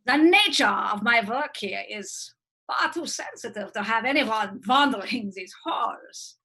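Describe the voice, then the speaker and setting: A woman's voice: fairly high pitch, lively intonation, unhurried, pushed and bright, slightly rough, heavily acted. A woman voicing a scheming female mad-scientist witch doctor in a livestream script reading, theatrical and gloating with sinister chuckles.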